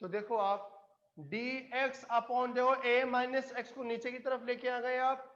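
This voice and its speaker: A man's voice: extremely high pitch, flat delivery, slow, a bit bright, muffled recording. A man teaching chemistry to a live classroom, coaxing and often checking whether the students follow. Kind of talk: classroom lecture.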